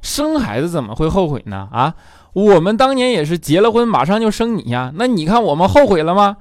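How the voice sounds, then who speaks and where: A man voicing a pushy middle-aged father who nags his son to marry and have children, in a shrill scolding tone. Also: lively intonation, a little fast, no echo, clean studio sound. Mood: indignant.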